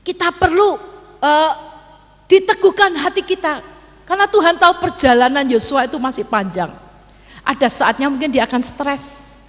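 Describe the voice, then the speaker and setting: A woman pastor delivers a heartfelt sermon, her fairly high voice dropping to hushed tones and then rising to loud, fervent peaks. A long reverb from a church hall trails behind each phrase. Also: normal speed, pauses often. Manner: impassioned, swinging between soft and loud.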